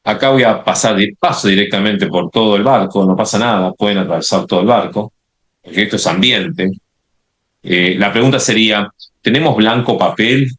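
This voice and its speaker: A man leads a watercolor lesson in a low voice. He explains each step as he paints, restarting phrases and checking in with his viewers. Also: normal speed, fairly bright tone. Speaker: watercolor instructor. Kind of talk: live painting demonstration.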